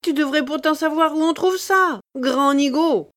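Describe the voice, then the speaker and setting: A woman's voice: sing-song, measured pace. A woman reading a story, putting on the voice of a shrewish, sarcastic bourgeois wife who scolds her husband. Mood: scornful. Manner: scolding, shrill, contemptuous.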